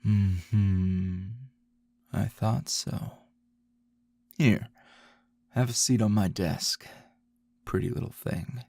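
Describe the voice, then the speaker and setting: Man voicing gravelly, teasing Aizawa, intimate ASMR. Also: steady tone, mellow, full character voice. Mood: coy, seductive. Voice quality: low, gravelly, husky murmur. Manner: slow, teasing drawl with pauses. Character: grumpy middle-aged male teacher, teasing, possessive, flirtatious lover.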